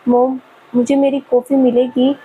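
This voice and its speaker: A woman's voice: high-pitched, flat delivery, measured pace, phone-quality sound, slight background noise. A woman voicing a young man, a professor son who teases and sulks. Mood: grumpy. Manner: mock-grumpy, teasing.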